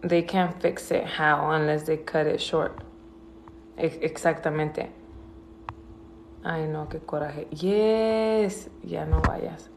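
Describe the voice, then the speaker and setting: Slow-talking woman. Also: low-pitched, steady tone, background noise. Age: adult with a school-age daughter. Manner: switches between Spanish and English, swears, indignant. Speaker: livestreamer. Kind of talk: casual livestream chat.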